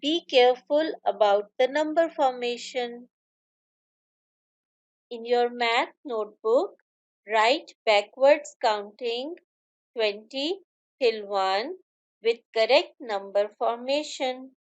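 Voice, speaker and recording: A woman with a Pakistani accent teaching a scripted lesson to young children like a kids' show host, in simple, deliberate, instructional phrases. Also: on the high side, highs cut off. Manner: slow, deliberate, instructional delivery. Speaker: kindergarten maths teacher.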